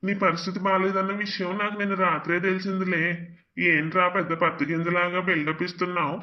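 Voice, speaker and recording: A man's voice: high-pitched, little pitch movement, quick pace, dull audio, lightly acted. A man voicing a rude, scornful middle-aged landlord in a cartoon, taunting and insulting. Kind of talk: animated cartoon voice acting.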